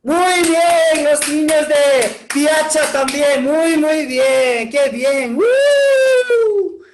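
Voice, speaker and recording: A male pastor leads children through a sermon in slightly broken Spanish, calling on each group in turn. He talks very slowly and encouragingly, in a very high voice. The recording has a roomy echo. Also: fairly even intonation, noisy background. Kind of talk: preaching to children with shouted call-and-response.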